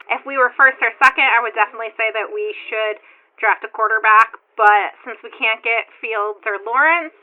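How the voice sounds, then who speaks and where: A woman phoning in to a sports talk show as a caller, speaking a little hesitantly with frequent "um" fillers over a phone line. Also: medium pitch.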